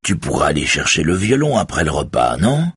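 A man's voice: rumbling low, huge pitch swings, brisk, fairly bright tone, breathy edge, no room sound, clean studio sound, full character voice. A man voicing a sinister male collector who keeps his menace tightly controlled behind a smile, read in an audiobook. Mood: cold. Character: sinister smiling male collector, cold host.

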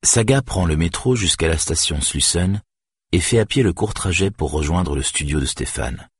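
A man narrating an audiobook in a measured, steady way. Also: a bass voice, slightly rough, no echo, clean studio sound. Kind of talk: scripted narration.

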